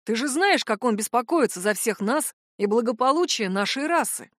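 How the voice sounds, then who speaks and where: A woman voicing a calm, level-headed young male cousin in an audiobook, speaking firmly and reasoning. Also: fairly high pitch, moderate pace, no room sound, clean studio sound. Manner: firm, reasoning. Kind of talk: audiobook narration.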